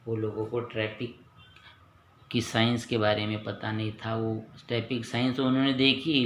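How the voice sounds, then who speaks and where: A man's voice: lowish voice, gravelly, roomy sound, a little hiss or hum. A man teaching pupils, patiently repeating each point and asking then answering his own questions. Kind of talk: lesson for pupils.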